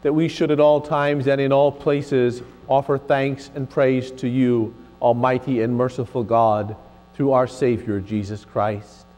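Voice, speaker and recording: A man leading a eucharistic prayer in slow, measured liturgical chant, his voice ringing with cathedral echo. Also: mid-range voice. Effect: cathedral echo, long church reverb. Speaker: presiding minister. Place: large church sanctuary. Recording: long cathedral reverb, soft music behind.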